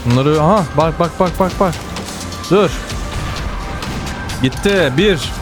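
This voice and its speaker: A man with a Turkish accent giving excited running commentary while playing a game, often repeating words and exclaiming. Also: a little high, slow pace, music in the background. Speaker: gamer.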